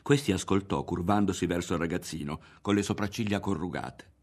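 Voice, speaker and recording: A man narrating a literary novel in a dramatic, expressive reading with voiced characters. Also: sits low, brisk. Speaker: audiobook reader.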